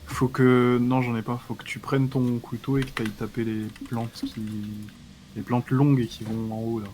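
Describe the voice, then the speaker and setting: A man's voice: mid-range voice, level tone, normal speed, a little mellow, soft background music. A young man guiding a friend through a survival game, teasing him with dry, crude jokes. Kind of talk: casual gaming banter.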